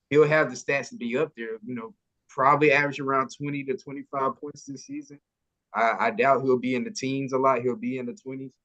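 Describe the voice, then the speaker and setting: A man's voice: medium pitch, a bit bright, dull audio. A man co-hosting a casual sports podcast, slangy and stumbling through restarts, calling people "bro.".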